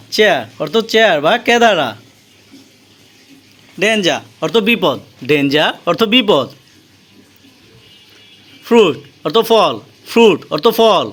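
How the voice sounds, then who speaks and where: A man with a Bangladeshi accent teaching English vocabulary, saying each word slowly and repeating it with its meaning. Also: sits high, fairly bright tone.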